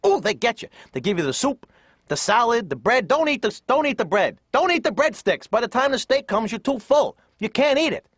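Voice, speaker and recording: A man's voice: very high-pitched, big pitch swings, a little fast, fairly bright tone, husky, no room sound, highs cut off, voice pushed up, exaggerated voice. A man putting on his suspicious, grumbling older father, ranting in a whiny voice.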